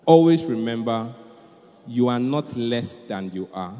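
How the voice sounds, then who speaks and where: At a live event in a big indoor hall, a Nigerian-accented man delivers an animated youth sermon while hosting the stage. His mid-range voice is mellow and unhurried yet lively, and he repeats phrases to urge on the crowd, with the hall's PA echoing heavily.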